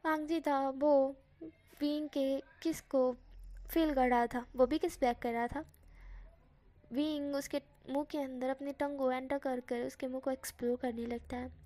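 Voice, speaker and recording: High-voiced woman narrating a story. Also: mellow. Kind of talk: reading fan fiction aloud.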